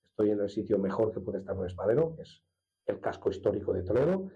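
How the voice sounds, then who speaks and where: Mellow-voiced Spanish swordsmith from La Mancha. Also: male voice, on the low side, lively intonation, highs cut off. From La Mancha, Spain. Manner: unhurried, explanatory, with hesitations and restarts. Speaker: master swordsmith guest. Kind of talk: conversational interview.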